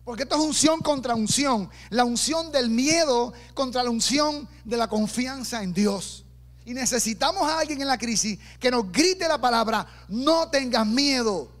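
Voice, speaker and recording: A middle-aged man preaching a sermon, animated and humorous, acting out voices as he tells the story. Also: extremely high pitch, normal speed. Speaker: pastor.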